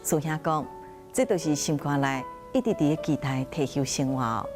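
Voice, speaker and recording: Low-pitched female narrator, steady documentary read over music. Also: moderate pace.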